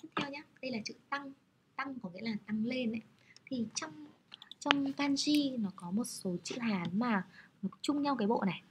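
A woman's voice: a little high, normal speed, noisy background. A woman teaching Japanese characters, explaining patiently in a friendly, step-by-step way. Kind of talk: explaining lesson over slides.

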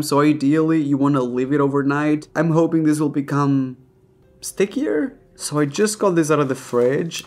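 Excitable man hosting a cooking vlog. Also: a little high. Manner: excitable, gushing when tasting. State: throat sore, tired. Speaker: cooking video host. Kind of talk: casual cooking vlog to camera.

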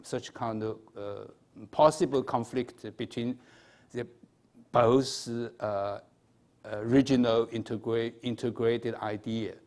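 A man in his sixties with a Chinese accent, giving a formal lecture at a podium in a halting, hesitant manner with repeated words. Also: medium pitch, steady tone, a little mellow. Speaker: academic conference speaker. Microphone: podium microphone.

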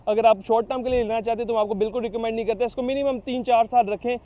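Fast-talking young man selling plots. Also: steady tone, dark tone. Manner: persuasive sales pitch with frequent fillers. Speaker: real estate agent. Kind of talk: promotional site-visit talk to camera. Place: outdoors beside a construction site.

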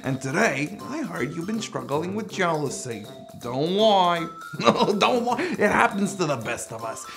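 A man playing an excitable, fatherly old apostle who chides with rhetorical questions in a comic children's monologue. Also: high voice, unhurried, gravelly, over music, full character voice. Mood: playful scolding. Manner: chiding, rhetorical questions, nervous chuckles. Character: excitable, scolding, fatherly elderly Apostle Paul. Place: studio, costumed before a cartoon backdrop.

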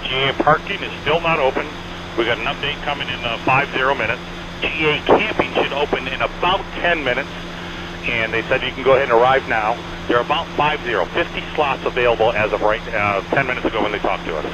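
This fast-talking air traffic controller has a medium-pitched voice and gives short, repetitive, courteous instructions on aviation radio. The transmission is band-limited, and aircraft engine noise, including a small plane's drone, runs underneath.

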